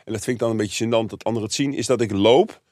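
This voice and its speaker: A man's voice: fairly low pitch, racing, darkish tone, dry recording, studio quality. A man with a Dutch accent co-hosting a comedy podcast, chatting casually and rambling through his stories with many restarts. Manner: rambling, self-interrupting storyteller. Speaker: podcast co-host.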